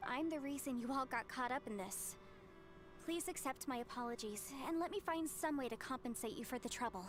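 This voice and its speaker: A woman's voice: sits high, a little fast, soft background music, natural voice. A woman voicing a polite, upbeat, capable young woman in a video game, speaking articulately. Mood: sincere, apologetic. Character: bright, courteous, capable young woman, friendly and grateful.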